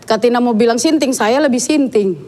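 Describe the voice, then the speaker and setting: High-voiced woman preaching frankly. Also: a little fast, dark tone, slight background noise. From Dayak. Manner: frank, chatty preaching with asides to the congregation. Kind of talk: sermon. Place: church.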